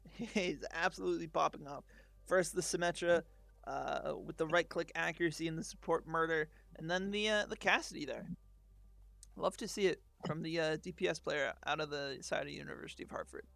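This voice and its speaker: Young guy casting esports, high voice with a gravelly edge, hyped and goofy. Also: normal speed, no echo. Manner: excitable and jokey. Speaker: esports commentator. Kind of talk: live play-by-play commentary.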